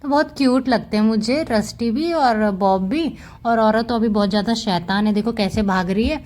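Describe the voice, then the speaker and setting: A woman's voice: on the high side, moderate pace, a little mellow. A woman giving a casual, chatty voice-over about her pet cats, fond and explaining as she goes. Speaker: cat vlogger.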